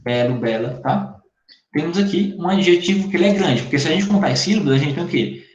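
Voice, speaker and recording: A man's voice: fairly high pitch, lively intonation, fairly quick, a little mellow. A man teaching an online English class in Brazilian Portuguese, explaining patiently and checking in with his students again and again. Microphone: computer mic in a video call. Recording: echoey, dull lo-fi call audio.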